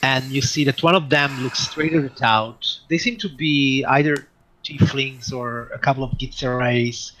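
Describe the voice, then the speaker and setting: A man narrating a tabletop game as dungeon master, with many pauses and fillers. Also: mid-range voice, pushed and bright, poor audio. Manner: hesitant, many fillers, slow in places.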